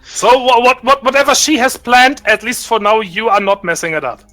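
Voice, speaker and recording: A man narrating a tabletop role-play session as game master, halting with many restarts and fillers. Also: extremely high pitch, lively intonation, pushed and bright, soft background music.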